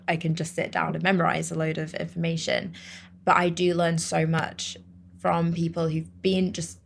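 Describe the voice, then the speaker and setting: With a lowish voice and some vocal fry, a young woman running a podcast talks with her guest in a casual interview. She's chatty and eager, and fillers come up often.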